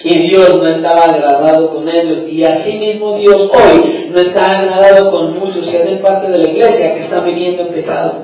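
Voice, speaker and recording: A man, a pastor, preaching a sermon with fiery delivery that rises to shouts, heard in a church hall. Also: high voice, little pitch movement, moderate pace, hardly any pauses. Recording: echoey church hall, mic at a distance.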